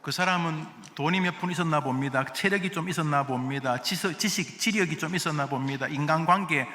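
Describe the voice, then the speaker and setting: A man preaching a sermon as pastor, swinging from hushed, quiet lines to loud exclaiming ones. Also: fairly high pitch, brisk. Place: church sanctuary. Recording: long church hall reverb.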